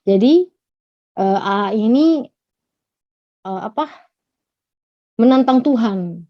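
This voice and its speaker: A woman from Gorontalo giving a personal testimony, retelling her story in a halting, earnest way. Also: on the high side, animated, dry recording. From Gorontalo, Indonesia. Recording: dull lo-fi recording.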